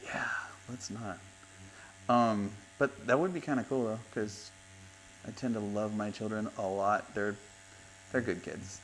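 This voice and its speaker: Grandfatherly tattoo artist host in his fifties, low-ish voice, laughing storyteller, faint hum behind. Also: unhurried, long pauses. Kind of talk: casual chat. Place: tattoo studio. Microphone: lapel mic.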